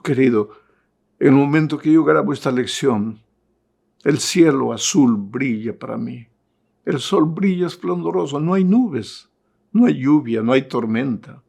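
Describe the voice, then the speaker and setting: A middle-aged male pastor giving an impassioned Bible study sermon, driving points home with emphatic repetition and swinging between loud appeals and hushed tones. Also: a little high, creaky.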